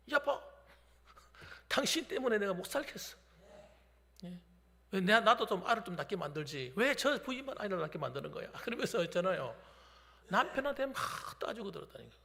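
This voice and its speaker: A man's voice: high-pitched, vocal fry, fairly bright tone. A middle-aged man preaching an emphatic storytelling sermon in a church, acting out the voices of the people in the story. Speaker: pastor. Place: church sanctuary. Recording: long church reverb.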